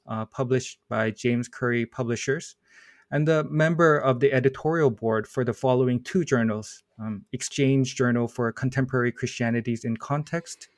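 A male podcast host on an academic show reads long, formal guest introductions before moving into the interview, measured and careful at an even middle pitch. He occasionally stumbles over a name and fills pauses with a soft "uh". The recording is dry and close, with no room sound.

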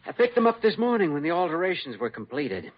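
An actor playing a younger doctor in an old-time American radio drama, husky, wry and measured, with a placating, cautious temper. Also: male voice, on the high side, huge pitch swings, a little hiss or hum. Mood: pleased, conspiratorial. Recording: dull, lo-fi vintage radio recording.

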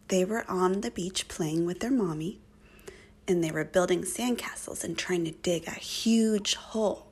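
A woman softly whispering a children's story in a breathy, gentle, slow way. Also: medium pitch. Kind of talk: whispered bedtime story narration.

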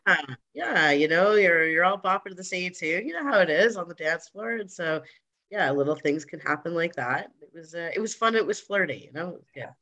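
A woman's voice: lowish voice, expressive, fairly quick, sharp tone. A woman co-hosting a podcast, chatting casually in an easygoing way. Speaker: podcast co-host. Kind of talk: casual chat.

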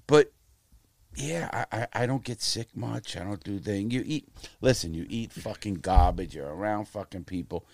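A man in his fifties, appearing as an interview guest, tells blunt, profane stories with lively energy in a casual way. His voice sits fairly low, with vocal fry and a moderate pace, and the recording has no room sound.

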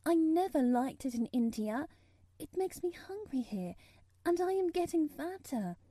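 A woman's voice: high voice, expressive, a little slow, warm tone, dry recording, pitched above the performer's own voice. A woman voicing a timid, earnest little girl with a tremulous, pleading manner in a storybook reading. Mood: nervous, earnest.

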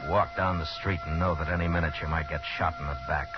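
An actor playing a stern, hard-bitten frontier marshal in a 1950s radio western, terse, commanding and grimly sardonic. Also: male voice, extremely low pitch, fairly even intonation, fast talker, loud music behind the voice. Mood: brooding narration. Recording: dull 1950s radio recording.

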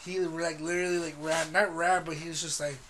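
A man's voice: a little high, flat delivery, a little fast, sharp tone, slight background noise. A man hosting a casual chat, talking in sweary slang. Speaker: podcast host.

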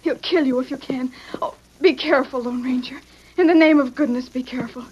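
Woman acting earnest young western heroine, American accent, very high voice, breathless, anxious, radio melodrama, muffled recording. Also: brisk, natural voice. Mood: worried, pleading. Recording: dull vintage radio recording.

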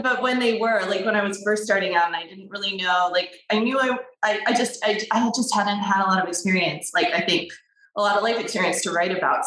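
Recorded from a distance in an echoey room, this young adult woman is a writer being interviewed. Her mid-range voice has a bit of brightness, and her casual talk meanders with frequent fillers and false starts.

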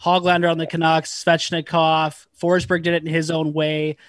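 A man's voice: fairly high pitch, monotone, normal speed, no room sound. A man co-hosting a podcast, asking easygoing, hesitant questions with fillers in a casual chat. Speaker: podcast co-host.

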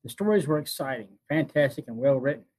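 A man in his fifties hosting a retrospective, narrating from notes in a halting way and often repeating phrases. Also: mid-range voice, expressive, darkish tone. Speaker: host. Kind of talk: semi-scripted narration of TV show retrospective.

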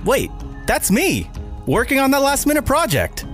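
Stressed-out young editor guy, played by a man; jumpy, yelping, very lively pitch. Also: normal speed, soft background music. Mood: bewildered. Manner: yelping, excitable outbursts. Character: frazzled young male video editor, panicky.

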